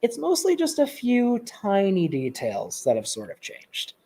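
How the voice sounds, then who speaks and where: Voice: medium pitch, wildly swooping pitch, a little slow, warm tone, slightly rough. A presenter in casual educational chat, talking with many ums and light laughs. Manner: chatty, with filler ums and laughs.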